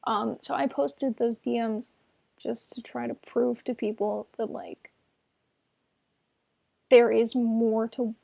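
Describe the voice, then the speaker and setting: A young woman in her twenties tells a story straight to camera in a casual, defensive way, sprinkling in fillers and dry sarcasm. Her voice sits a little high with plenty of vocal fry, and it sounds close and dry. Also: level tone, slow, pauses often, mellow, no echo. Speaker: vlogger telling a personal story.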